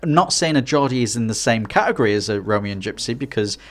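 A man's voice: mid-range voice, expressive, fast. A man from Hartlepool with a Teesside accent, co-hosting a casual podcast in a hesitant, rambling way. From Hartlepool, northeast England. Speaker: podcast co-host.

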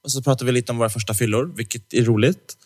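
Animated young man telling a story. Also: medium pitch, husky. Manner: lively storyteller who acts out quoted dialogue; heavy slang fillers, teasing jokes. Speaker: podcast co-host. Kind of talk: casual podcast chat, storytelling. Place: podcast studio. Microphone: studio microphone.

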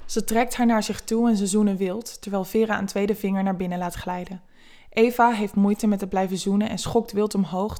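A woman narrates an erotic story in a soft, close, intimate voice. She reads unhurried and even, with a medium pitch, keeping the tone gentle throughout.

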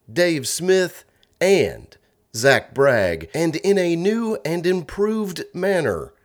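A man hosting and announcing a scripted comedy show in a radio style. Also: fairly high pitch.

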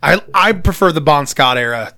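A man's voice: a little high, lively intonation, normal speed, bright, forceful tone. A man in casual, sweary conversation, blunt, with a congested, blocked-nose sound from bad sinuses. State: congested sinuses, recent coughing. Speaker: podcast host. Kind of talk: casual profane music chat.

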